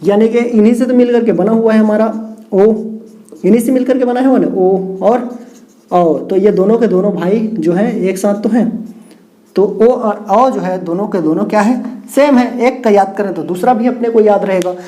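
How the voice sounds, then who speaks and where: A man teaches a grammar lesson at a board. His voice is mellow and dark, and he keeps repeating points, asking questions and then answering them himself. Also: sits high, moderate pace. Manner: repetitive, asks and answers own questions. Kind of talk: whiteboard lecture with mnemonics.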